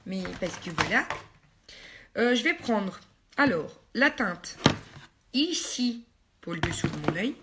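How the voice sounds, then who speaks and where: A woman's voice: medium pitch, sing-song, slow, long pauses, noisy background. A woman chatting casually to her viewers while doing her makeup, hesitant with many fillers and teasing herself in asides. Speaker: beauty vlogger. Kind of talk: casual get-ready-with-me makeup chat.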